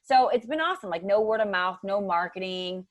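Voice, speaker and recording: A woman's voice: medium pitch, expressive, a little fast, dry recording. A woman in her thirties from Ohio, chatting as a podcast guest about nutrition coaching and filling her talk with "like". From Ohio, USA. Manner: chatty, many "like" fillers, acts out quotes. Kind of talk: casual chat.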